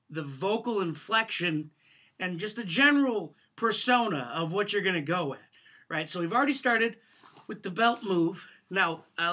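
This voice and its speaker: A man talking through a mock tutorial in an offhand, deadpan way, full of fillers and pauses. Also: high voice. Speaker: home video presenter.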